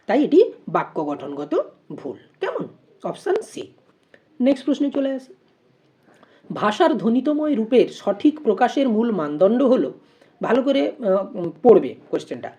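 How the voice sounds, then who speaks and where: A woman's voice: a little high, sing-song, measured pace, long pauses, mellow. A woman teaching an exam-prep lesson. She reads out multiple-choice questions and options, then explains each answer step by step and poses rhetorical questions.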